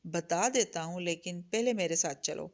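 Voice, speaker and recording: A woman's voice: fairly low pitch, natural voice. A woman reading the part of a cold, domineering young man who is heir to a feudal estate, in a harsh, arrogant and menacing manner. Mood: mocking, possessive. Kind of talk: audiobook character reading.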